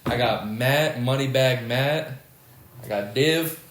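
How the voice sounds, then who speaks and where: A young man hosting a casual podcast chat in a studio, joking and laughing loudly with his co-hosts. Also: medium pitch, takes it slowly, reverberant. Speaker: podcast host.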